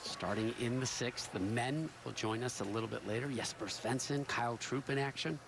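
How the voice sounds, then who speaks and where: A man calling a televised bowling match as play-by-play commentator, reeling off stats briskly. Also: mid-range voice, steady tone, vocal fry, noisy background. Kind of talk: sports broadcast commentary.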